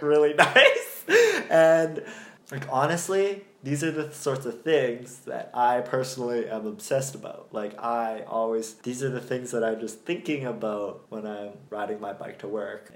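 A young man rambling in casual chat as a podcast co-host, with lots of fillers and frequent laughs. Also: mid-range voice. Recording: echoey room.

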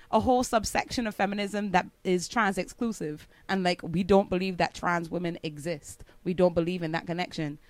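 On a podcast, this Barbados-born guest talks with a Barbadian accent and a medium-pitched voice, with no echo. She goes into long, casual explanations, laughing frequently and growing animated.

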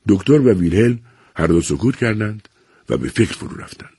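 A man narrating a novel aloud in a measured, even storytelling manner. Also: fairly low pitch, vocal fry, husky, dry recording, studio quality. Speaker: audiobook narrator.

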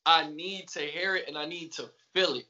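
An Atlanta rapper with a Southern accent chats in a laid-back way as a guest on a podcast, often repeating "yes" in this casual interview. His voice sits on the high side with a sharp tone, fairly even intonation, and normal speed. The audio sounds dull.

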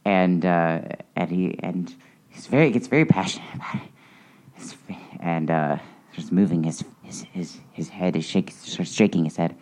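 Podcast co-host, male, deep and warm, loose rambling storyteller with lots of restarts. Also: moderate pace. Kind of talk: casual chat.

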